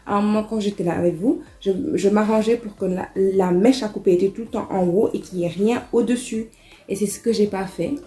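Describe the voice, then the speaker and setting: A woman talking casually to camera as a hair vlogger, chatty and animated with exasperated asides. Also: mid-range voice, fairly quick. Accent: French. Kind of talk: casual vlog chat.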